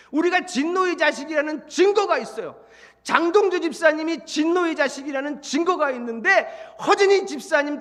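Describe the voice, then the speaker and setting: Middle-aged pastor guy preaching, really high bright voice, long church reverb. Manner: lively preaching with playful acted-out dialogue and rhetorical questions. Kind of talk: sermon. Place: church sanctuary.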